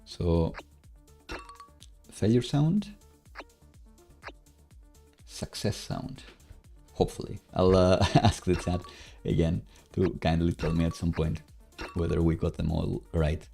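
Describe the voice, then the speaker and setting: Low, unhurried, and creaky, this man's mellow voice carries his casual livestream as a live-coding streamer and host. He thinks aloud about his code in a hesitant, halting, self-musing way while soft music plays and a computer keyboard clicks.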